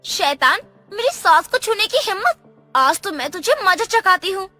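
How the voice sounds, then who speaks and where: A woman's voice: high voice, measured pace, sharp tone, faint music behind. A woman voicing a fierce young daughter-in-law in a cartoon. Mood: furious. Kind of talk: cartoon voice acting.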